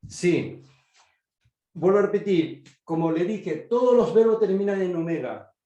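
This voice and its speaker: Unhurried and warm, with a high pitch and lively intonation, this man teaches biblical Greek grammar in an online lecture; the audio is reverberant and dull. Speaking Spanish as a second language with a Korean accent, he repeatedly asks "¿sí?" to check that students are following.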